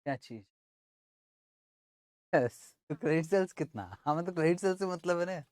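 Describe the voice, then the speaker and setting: Male accounts tutor, relaxed and chatty, talks students through each calculation; close, dry recording. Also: on the high side, moderate pace, no room sound. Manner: casual, works through sums aloud. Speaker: accounting teacher. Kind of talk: informal classroom lesson.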